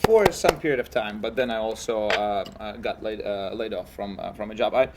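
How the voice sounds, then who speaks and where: A young man with a Russian accent chats as an interview guest, halting and full of fillers and restarts. He keeps joking as he talks. A faint background hum sits under his voice. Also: fairly low pitch. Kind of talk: casual interview chat.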